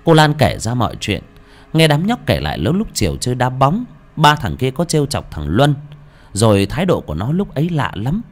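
A man giving dramatic, expressive scripted narration of a horror story. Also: mid-range voice, brisk. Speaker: audiobook narrator.

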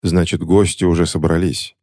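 Man reading a hoarse, worn-out captive, low and dark, wry, storybook audiobook. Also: flat delivery, normal speed, no echo, studio quality. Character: hoarse weary imprisoned man behind a mirror. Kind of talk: audiobook character voice.

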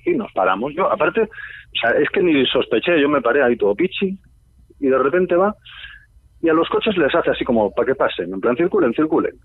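A man's voice: a little high, sing-song, moderate pace, husky, dry recording. A man with a Spanish accent from Spain telling a casual, slangy anecdote on a radio show, acting out his own past remarks. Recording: tinny phone-like sound, dry.

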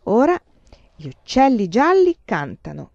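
A woman voicing a patient young woman who gently explains and quizzes a child. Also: fairly high pitch, wildly swooping pitch, unhurried, creaky, dry recording, lo-fi sound, voice pushed up, exaggerated voice. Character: patient young woman teaching a word game.

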